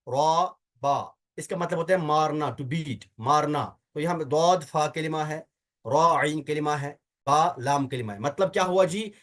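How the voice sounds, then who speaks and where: A male teacher lecturing on Arabic word roots for Quran recitation, with a voice pitched a little high for a man. He keeps the class with him by asking short questions and answering them himself, repeating key terms. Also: a bit bright. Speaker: Tajweed teacher.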